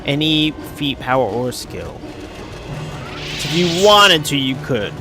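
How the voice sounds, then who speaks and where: A male streamer chats casually over his gameplay. His voice is a little high and moves around in a lively way, with clear game music behind it. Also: measured pace. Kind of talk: casual live gameplay commentary.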